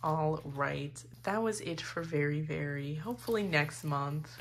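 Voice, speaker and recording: A young woman rambling casually as she sorts K-pop photocards, giggling, filling her talk with "like" and restarts and trailing into soft mutters. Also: deep voice, unhurried. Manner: drifts into soft mutters while sorting cards. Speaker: K-pop photocard collector vlogger. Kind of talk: casual chatty vlog.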